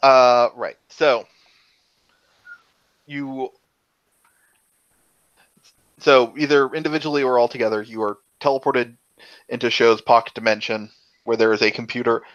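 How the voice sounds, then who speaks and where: Game master, man, loose unhurried narration, dull home-mic sound. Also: mid-range voice, flat delivery, a bit bright, no room sound.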